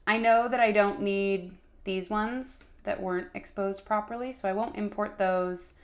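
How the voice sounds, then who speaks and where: A woman's voice: medium pitch, fairly even intonation, a little slow. A woman stop-motion artist talking through a tutorial in a chatty, casual way, muttering asides as she works. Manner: chatty, talks while working, muttering asides.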